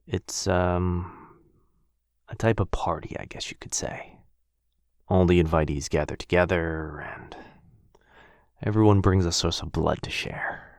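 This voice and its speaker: Here the man voicing the protective vampire lord in intimate boyfriend ASMR roleplay sounds grave, as though explaining something, in a one-sided monologue. His tone is low and gravelly, delivered in a hushed, measured way with halting pauses and frequent drops to a breathy murmur. The mic is close, the sound dry and echo-free.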